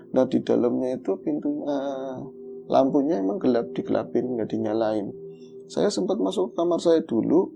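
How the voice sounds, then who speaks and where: A man telling a true horror story in casual chat, animated as he acts out his own calls and growls. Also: mid-range voice, moderate pace, creaky, music in the background. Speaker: guest storyteller.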